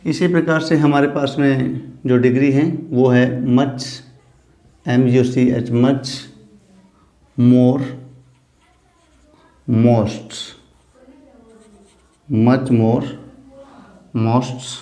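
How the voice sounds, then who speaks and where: Man, teacher, slow deliberate delivery, grammar lesson, spells words out, roomy echo. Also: mid-range voice, fairly even intonation, warm tone. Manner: spells words letter by letter and repeats "theek hai". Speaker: English teacher. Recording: echoey room.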